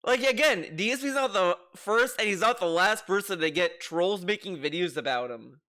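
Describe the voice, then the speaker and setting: Bright, forceful man ranting casually. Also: high voice, expressive, moderate pace. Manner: exasperated, mocking, profane ranting. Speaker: online commentator. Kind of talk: casual commentary rant.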